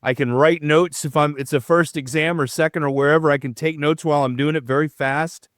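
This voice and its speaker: Middle-aged male guest, lively explainer, clear smooth voice, fairly high for a man, dry close sound. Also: fairly quick, no room sound. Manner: animated, explanatory, demonstrative. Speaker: chiropractor guest. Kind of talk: podcast interview answers.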